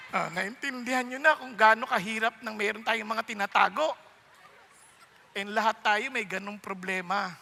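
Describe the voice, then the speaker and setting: A man preaching a sermon in a church hall, animated and playful, telling stories and joking asides. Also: high voice, moderate pace, vocal fry, a little hiss or hum. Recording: long reverb of a large hall.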